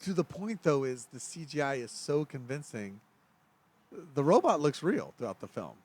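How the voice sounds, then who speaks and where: A man's voice: on the high side, sing-song, normal speed, darkish tone, breathy edge. A middle-aged man co-hosting a casual film review podcast, rambling and correcting himself as he talks. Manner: rambling, self-correcting, chuckles. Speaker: podcast co-host.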